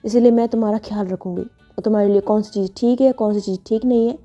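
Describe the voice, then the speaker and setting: A woman voicing a commanding wife who snaps out quick, firm orders. Her voice is mellow and soft-edged. The recording is dull and lo-fi with faint music. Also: mid-range voice, steady tone, lightly acted. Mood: insistent.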